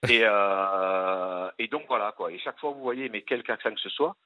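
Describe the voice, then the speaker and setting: Marseille guy telling stories on the radio, kinda low voice, tinny phone-ish sound. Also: moderate pace, no room sound. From Marseille, France. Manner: animated storyteller, full of fillers and asides. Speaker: actor, interview guest. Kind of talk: radio interview.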